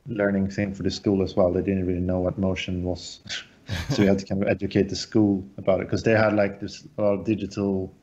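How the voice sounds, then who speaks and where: Low-voiced man from Sweden. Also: brisk, lo-fi sound. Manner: relaxed, loose with fillers and restarts. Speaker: guest. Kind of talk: casual podcast chat.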